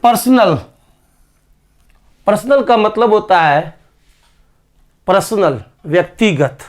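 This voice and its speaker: Slow-talking male teacher. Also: high voice, lively intonation. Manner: spells words letter by letter, slow and drawn out. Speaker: English teacher. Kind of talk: classroom grammar lesson.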